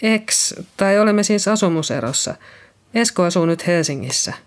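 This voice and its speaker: A natural mid-range voice, expressive and pushed up, carries an audiobook reading of a shaken middle-aged woman nurse facing police questions. Her manner is nervous, hesitant, and apologetic.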